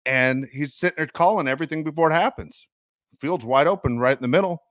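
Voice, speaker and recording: A man's voice: on the high side, fairly quick, a bit bright, no echo, clean studio sound. A man co-hosting a sports podcast, venting bluntly and emphatically about a loss. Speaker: podcast co-host.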